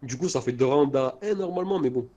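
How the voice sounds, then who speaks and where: A man co-hosting a podcast, chatting about fights with quick wry remarks. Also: mid-range voice, lo-fi sound, a loud crowd. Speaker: podcast co-host. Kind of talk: casual chat about fights.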